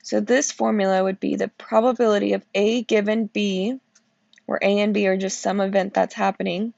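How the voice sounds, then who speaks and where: Sleepy woman teacher, gravelly voice. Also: mid-range voice, level tone, normal speed, darkish tone, no room sound, highs cut off. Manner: explains step by step, checking in with "okay?". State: sleepy, yawning. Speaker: math teacher. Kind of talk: recorded classroom lesson walkthrough.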